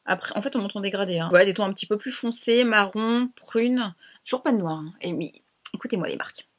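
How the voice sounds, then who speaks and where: A woman's voice: mid-range voice, fast talker. A young woman chatting casually to camera as she tests makeup, slangy and self-mocking. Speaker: beauty vlogger. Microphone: camera mic.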